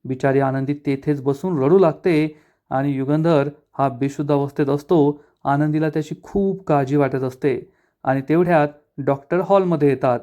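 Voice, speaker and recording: Mellow male storyteller recapping a serial. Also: on the high side, moderate pace. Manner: storytelling, voicing every character.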